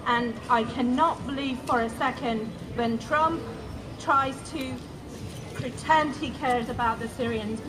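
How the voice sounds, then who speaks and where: Woman from Iran, outdoor rally speaker; earnest, indignant, fairly high voice, street noise. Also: measured pace. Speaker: protest speaker. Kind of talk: rally speech. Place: outdoor square.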